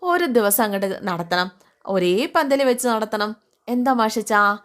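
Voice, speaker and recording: A woman's voice: on the high side, expressive, unhurried, fairly bright tone. A woman voicing a cheerful young bride-to-be who talks eagerly, in a retelling of a TV serial.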